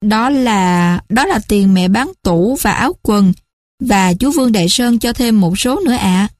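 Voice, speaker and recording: A woman's voice: medium pitch, measured pace, no room sound, studio quality, close to an everyday voice. A woman voicing a young boy, an eager and caring grandson, who speaks in an earnest, urgent way in a storybook reading.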